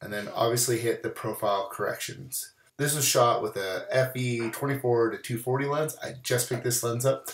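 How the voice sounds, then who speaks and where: This voice-over on a screen recording comes from a man whose voice is still recovering from bronchitis. He walks through a photo edit in a relaxed way, full of "we're gonna," speaking mid-range at normal speed with hardly any pauses. The room echoes.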